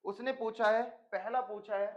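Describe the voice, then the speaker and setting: A man's voice: high-pitched, steady tone, moderate pace, lo-fi sound. A man teaching a chemistry class in a stern lecturing manner, mixing English terms into his speech. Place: coaching classroom.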